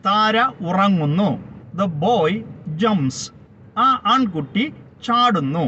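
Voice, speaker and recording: A man's voice: high voice, sharp tone. A man teaching English grammar, spelling out words letter by letter. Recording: dull lo-fi sound with faint background noise.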